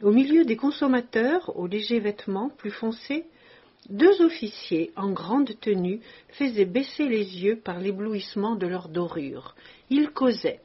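A woman narrating a classic story as an audiobook, expressive and lingering on descriptive phrases, on a dull lo-fi recording. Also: a little high, husky.

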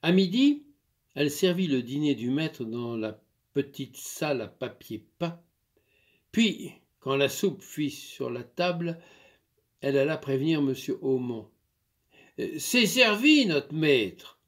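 A man narrating a literary story in a measured, expressive reading. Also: medium pitch.

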